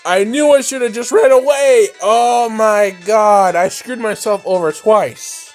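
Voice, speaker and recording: This man's voice sits high and moves a little slowly as he reads a visual novel's narration in a let's play. His reactions are casual, full of slang and exclamations, over loud background music.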